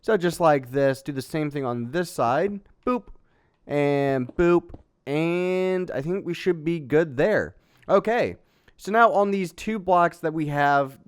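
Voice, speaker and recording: A man casually narrating a step-by-step building tutorial in a relaxed, chatty way, with fillers and little sound effects. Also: a little high. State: has the hiccups. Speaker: Minecraft building tutorial host.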